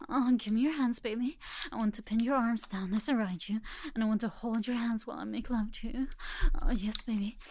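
A woman performing an intimate audio roleplay, talking in a soft, doting way and often dropping into a whisper. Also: fairly high pitch, slight background noise.

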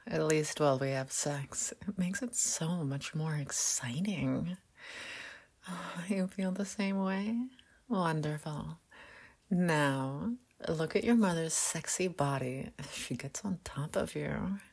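A woman playing a doting, seductive mother figure in an intimate audio roleplay, talking softly in murmurs and whispers with hums and light laughs. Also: low voice, creaky, husky, heavily acted. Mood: sultry. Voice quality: soft, whispery. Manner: slow, murmuring, teasing, with frequent hums and soft laughs.

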